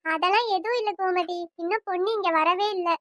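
A woman's voice: very high-pitched, a little fast, a bit bright, no room sound, clean studio sound. A woman voicing a fretful, pleading village auntie. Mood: earnest. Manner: pleading, apologetic, repeats 'akka'. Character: worried village woman, family friend. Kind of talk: cartoon voice acting.

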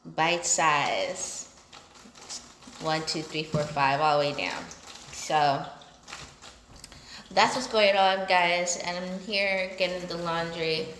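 Doing chores in a large basement-like room with exposed pipes, a woman in her thirties who works as a solo entrepreneur and vlogger talks casually to camera in short, unhurried phrases separated by pauses. Her voice is on the low side and a bit bright. The phone capturing her sits propped at arm's length or more, the room echoes, and there's a little hiss or hum.

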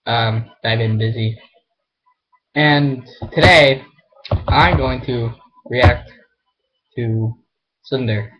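A man's voice: mid-range voice, drawn-out words, pauses often, a bit bright, lo-fi sound. A man chatting in a rambling, casual way as he hosts a reaction video. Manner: rambling, chatty, easily annoyed.

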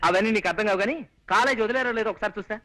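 A man's voice: high-pitched, racing, pushed and bright, low-quality recording. An actor playing a cheeky, scheming young man with a wheedling comic way of talking.

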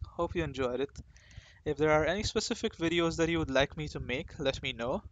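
Here a gaming host speaks briskly in a slightly high voice, chatting to camera in a loose, rambling way with many fillers and restarts. The audio is dull, with a faint hiss or hum.

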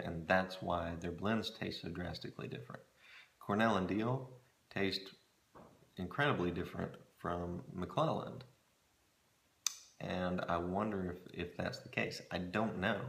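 A middle-aged man chatting casually to camera in a musing, hesitant way, often pausing mid-thought, recorded in a small room at home. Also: sits low, vocal fry, a bit bright. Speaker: pipe-smoking hobbyist reviewing tobacco blends. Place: small home storage room with shelves, indoors. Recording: roomy echo from camera mic.

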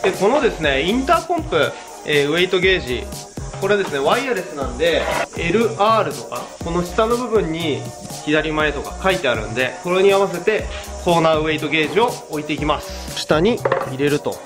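In an indoor garage workshop, a man in his thirties who hosts a car channel explains things to camera in a casual, hands-on way. His voice is a little high, very animated and slightly fast, with background music playing behind him.

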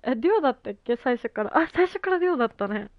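A woman's voice: high voice, animated, rapid-fire, dry recording, phone-quality sound. A woman chatting casually on a gaming stream, gushing in youthful slang and exclamations. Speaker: game streamer. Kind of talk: excited casual live-stream chat while gaming.

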